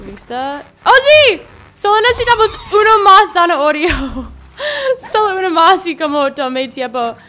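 High-pitched young woman playing a game. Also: fairly bright tone. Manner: chatty, talks to game creatures, squeals and laughs when startled. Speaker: gaming video creator. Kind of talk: casual gameplay commentary. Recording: faint background game music.

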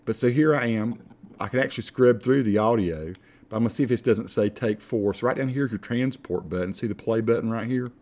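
A man with an Appalachian accent giving a casual, folksy, self-deprecating software tutorial as he talks through each step. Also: medium pitch, fairly quick. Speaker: tutorial instructor.

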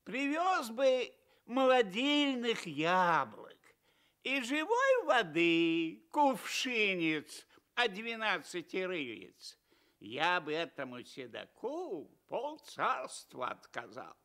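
An old fairy-tale tsar in a Russian radio play. The voice is very high and sharp, swinging widely as this fond father pleads theatrically in drawn-out phrases. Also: wildly swooping pitch, exaggerated voice. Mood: fond, pleading. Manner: theatrical, drawn-out, swooping delivery.

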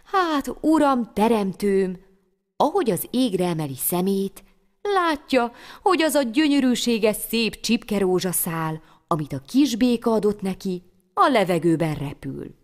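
A woman storyteller reading a folk tale aloud, lively and expressive with sudden exclamations. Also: medium pitch. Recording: long hall reverb.

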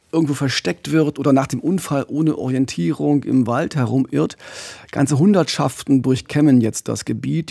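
A middle-aged man co-hosts a true-crime podcast, recounting a case conversationally from a small indoor studio into a close condenser mic with a pop filter. His medium-pitched voice is husky and dark with vocal fry, and there's no room sound.

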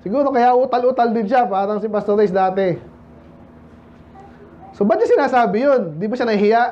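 High-voiced preacher man, lo-fi. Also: fairly quick. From Philippines. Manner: conversational preaching, asks congregation questions; mixes English scripture quotes into Tagalog. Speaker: pastor. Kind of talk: sermon.

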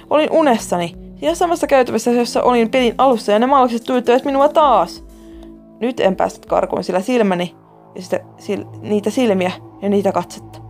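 A woman's voice: mid-range voice, darkish tone. A woman narrating a first-person horror story in a dramatic, scripted way. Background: faint music.

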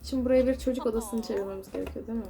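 A woman's voice: a little high, fairly even intonation, rapid-fire, creaky, mellow. A young woman giving casual gameplay commentary, chatty and exasperated, scolding the characters on screen. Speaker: gaming YouTuber.

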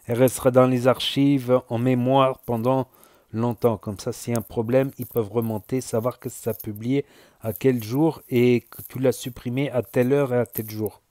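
A man with a southern French accent, a YouTuber talking casually to his viewers in a halting way, often repeating himself and using fillers. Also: mid-range voice, little pitch movement, darkish tone, no room sound, studio quality. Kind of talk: casual spoken commentary.

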